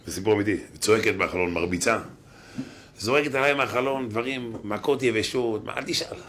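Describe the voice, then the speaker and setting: A man, a rabbi, giving a humorous Torah lesson told as stories, a lively storyteller who drops slangy street asides. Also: fairly low pitch, a little hiss or hum.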